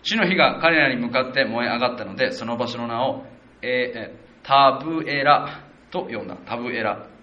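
A man preaching a conversational sermon as a pastor, working through a Bible passage verse by verse and acting out quotes with animated shifts in voice. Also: brisk, reverberant, muffled recording. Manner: animated, acts out quotes of the people with shifts of pitch; conversational, with self-corrections and fillers.

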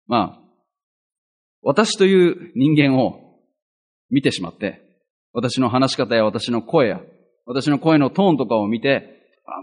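A male pastor giving a chatty, earnest Bible teaching, with self-deprecating asides. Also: mid-range voice.

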